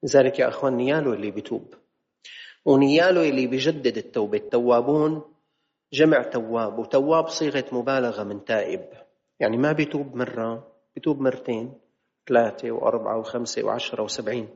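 A man's voice: medium pitch, fast, darkish tone. A man gives an emphatic religious lesson in a mosque hall. He draws out his quotations and keeps posing rhetorical questions. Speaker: preacher. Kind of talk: religious lesson in colloquial speech. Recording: reverberant hall, slightly dull sound.

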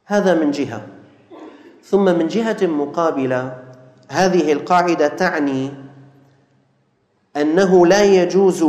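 A man giving a sermon, speaking to his listeners as brothers and imitating people who answer every question too quickly. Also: fairly high pitch, darkish tone. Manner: addresses listeners as brothers, mimics quick "haram" replies. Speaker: preacher. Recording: echoey hall with long reverb.

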